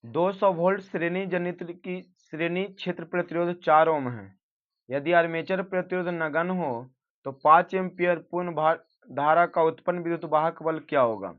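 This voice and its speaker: A man with a fairly high voice reads out exam questions one after another and answers each himself, in a steady teaching manner. The sound is dull and lo-fi. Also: normal speed. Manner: reads questions then gives answers, self-correcting. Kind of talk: exam practice lesson. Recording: dull lo-fi recording.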